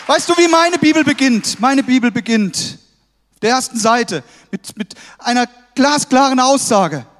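High-voiced preacher man in a reverberant hall. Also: animated, measured pace, a bit bright, a faint crowd. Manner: emphatic, exhorting, with frequent "hey" calls to the congregation. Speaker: pastor. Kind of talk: sermon.

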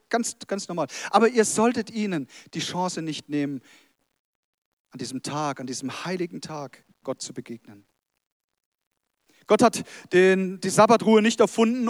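High-voiced man preaching a sermon. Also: dry recording, studio quality. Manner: conversational, addresses the congregation directly with light humour. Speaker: pastor.

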